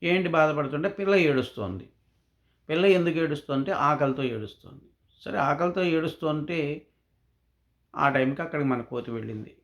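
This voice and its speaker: A man's voice: a little high, moderate pace, gravelly, long pauses. A man narrating a humorous children's story in a conversational way, often asking and answering his own questions.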